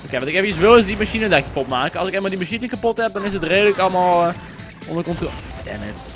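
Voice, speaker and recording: A man's voice: sits high, sing-song, racing. Chatty young man over game music. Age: young adult. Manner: rambling and chatty, with frequent fillers and crude asides. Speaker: gameplay commentator. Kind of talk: casual let's-play commentary.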